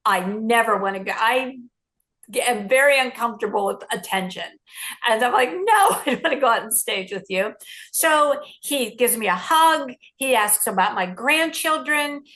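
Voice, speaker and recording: A middle-aged woman journalist recounting a story in an interview, lively and acting out the lines she quotes. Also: fairly high pitch.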